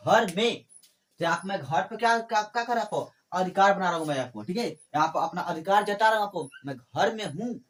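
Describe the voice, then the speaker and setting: A male teacher explains grammar at a steady classroom pace. He repeats words as he goes and poses questions that he then answers himself. Short fillers keep the explanation moving. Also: high-pitched. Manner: repeats phrases, asks and answers his own questions; fills pauses with "ठीक है" and "आपको".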